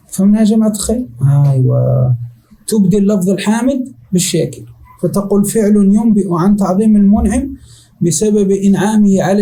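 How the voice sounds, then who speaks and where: High, dark-toned sheikh teaching rhetoric. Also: male voice, rough recording. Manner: repeats definitions slowly, checks understanding often. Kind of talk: classroom lesson explaining a text.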